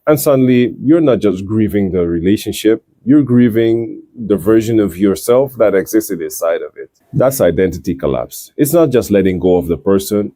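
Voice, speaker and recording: A middle-aged man delivering a reflective scripted monologue in a measured, earnest manner, in short phrases with pauses. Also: lowish voice, warm tone. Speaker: host.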